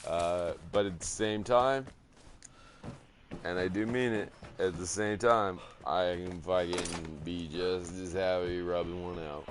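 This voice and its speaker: This California man streams a game with a low voice, trading crude, rambling banter packed with swearing. A faint hiss or hum sits under the audio.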